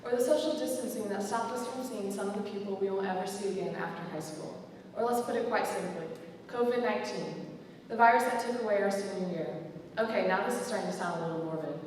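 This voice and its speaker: A woman's voice: medium pitch, fast talker, darkish tone, a little hiss or hum. Teen girl, joking graduation speaker with a put-on British accent, heard far off in a hall with long reverb. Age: teens. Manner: playful, self-mocking British put-on accent. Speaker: student speaker. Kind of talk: graduation speech.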